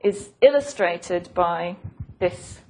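Slow and animated, a female physics lecturer speaks in a slightly mellow voice on the low side. She explains in a thoughtful, professorial manner, with hesitations and repeated phrases, over a noisy recording full of clicks.

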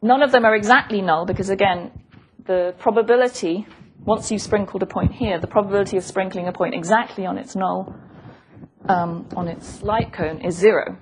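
Speaking at a normal speed in a darkish, mid-range voice, a woman lectures on physics in a thoughtful, professorial manner. She hesitates and repeats phrases as she goes. The recording is noisy and has clicks.

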